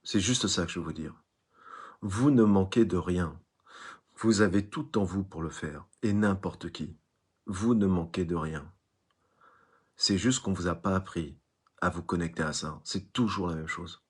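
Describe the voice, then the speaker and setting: A man's voice: low-pitched, unhurried, pauses often, husky. A man giving an online spiritual lecture, emphatic, who repeats phrases and tells little stories. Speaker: spiritual teacher.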